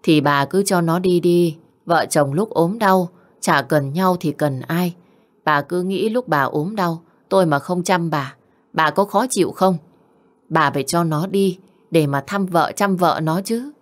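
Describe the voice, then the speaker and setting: A gentle older father-in-law, read by a woman narrator, reasons softly in a low voice. He speaks, in an audiobook. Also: unhurried, close to an everyday voice. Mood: coaxing.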